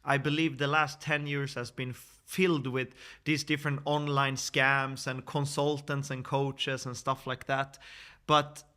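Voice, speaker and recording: Bright-voiced Swedish man in his thirties. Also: medium pitch, little pitch movement, a little slow. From Sweden. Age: 30s. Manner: earnest, persuasive, with frequent fillers and restarts. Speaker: network marketing presenter. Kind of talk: screen-share sales presentation.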